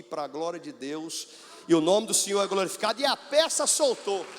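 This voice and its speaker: Animated Brazilian pastor in a reverberant hall. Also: male voice, on the high side. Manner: animated storytelling, acts out the voices of doctors and his mother. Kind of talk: sermon testimony.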